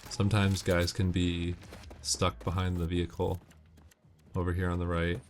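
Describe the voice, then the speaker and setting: This man's deep voice stays monotone and moves at a normal speed as he plays a video game. He gives relaxed, matter-of-fact walkthrough commentary with tips, while music and gunfire from the game play behind him.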